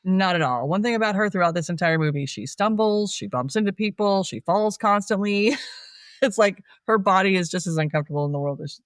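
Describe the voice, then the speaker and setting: A podcast co-host in casual chat, recapping a film plot with frequent laughs and animated asides. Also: medium pitch, a little fast, dry recording, clean studio sound.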